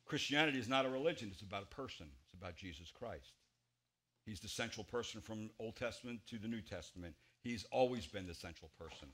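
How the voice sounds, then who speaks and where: Pastor, male, 40s, preaching from a church pulpit, bright forceful voice, big emphatic swings. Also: expressive, fast talker. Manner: emphatic, gesturing widely, swings between loud stresses and quiet low drops. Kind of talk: expository sermon.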